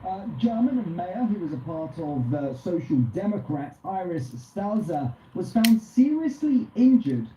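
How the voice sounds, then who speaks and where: A woman presenting a breaking news report in a measured newsreader manner, played back as a clip. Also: on the low side, very animated, mellow. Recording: dull, roomy clip with background noise.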